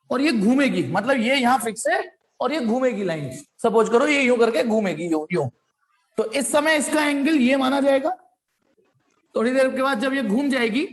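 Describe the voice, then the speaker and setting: A man with a high, slightly bright voice teaches a physics class online, speaking directly to the students. He stops to ask them questions and repeats his points over and over.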